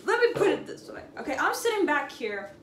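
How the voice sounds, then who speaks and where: In a storytime video, a high-voiced young woman tells her story casually and a little fast. The room is echoey with some noise behind her, and her slangy, expressive telling relies on dramatic stress and repetition.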